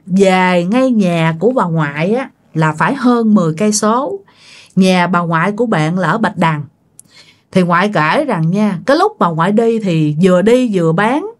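A woman with a medium-pitched voice narrates a ghost story for her channel in a chatty, colloquial way, often speaking directly to her listeners.

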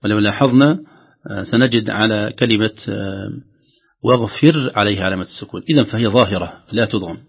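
A man teaching Quran recitation rules, drawing out each quoted verse slowly between quick explanations. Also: lowish voice, steady tone, creaky, breathy edge, muffled recording.

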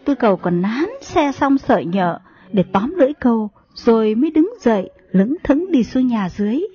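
A woman narrating a story in a steady storytelling manner. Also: fairly high pitch, moderate pace. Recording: dull lo-fi recording, faint music.

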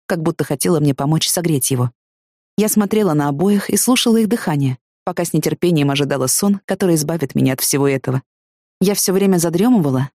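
A woman reading a first-person novel aloud in an expressive way. Her voice sits low, while her pitch moves in lively arcs across each sentence. The sound is close and dry, with no room echo. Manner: expressive, emotionally engaged reading. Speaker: audiobook narrator.

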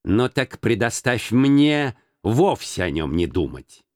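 Guy doing a grumpy old miser, curt and scornful, swings his pitch all over, dry sound. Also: sing-song, slow pace, dry recording.

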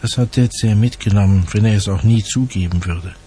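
A man's voice: fairly low pitch, dark tone, a little hiss or hum, natural voice. A man voicing a haughty, spoiled wealthy young woman who sneers and snaps, read as part of a dramatized audiobook. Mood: languid. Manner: languid, sneering, quick to snap.

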